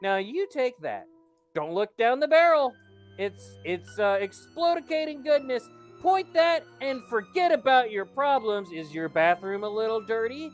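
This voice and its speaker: A woman voicing an over-the-top infomercial pitchwoman with hammy sales patter. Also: lively intonation, unhurried, faint music behind.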